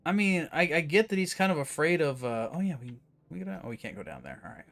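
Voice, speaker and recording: A man's voice: on the high side, sing-song, fast talker, creaky, a bit bright. A male streamer giving casual, wry commentary over a horror game in a slightly raised voice. Faint music plays behind him. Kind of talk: gameplay commentary.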